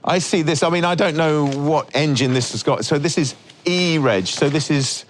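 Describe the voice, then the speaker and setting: A man's voice: fairly high pitch, moderate pace, soft background music. A man co-hosting a casual car podcast, asking questions and teasing his co-host. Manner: inquisitive, teasing, lively. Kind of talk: casual chat about cars.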